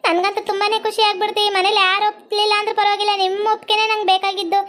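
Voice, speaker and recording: A woman's voice: very high voice, level tone, rapid-fire, fairly bright tone. A woman voicing a whiny, melodramatic young bride. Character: young new bride Sweety, whiny and dramatic.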